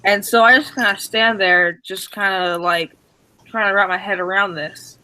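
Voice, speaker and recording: Bright-voiced man telling a rambling story. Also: high-pitched, moderate pace, clean tone, low-quality recording. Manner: rambling, many restarts and fillers; acts out quoted dialogue excitedly. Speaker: stream co-host. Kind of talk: casual storytelling.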